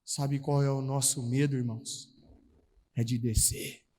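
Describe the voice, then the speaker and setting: A man with a Brazilian Portuguese accent preaching a charismatic sermon at a retreat, animated, calling out to the brothers and acting out Bible scenes in slangy everyday voices. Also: mid-range voice, a little slow. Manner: calls out to the audience, repeating "irmãos". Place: large hall at a retreat. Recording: reverberant hall sound.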